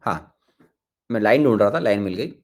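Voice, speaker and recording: A man's voice: lowish voice, lively intonation, brisk, a little mellow. A man teaching chemistry in an online class, coaxing his students, repeating himself and calling them his children.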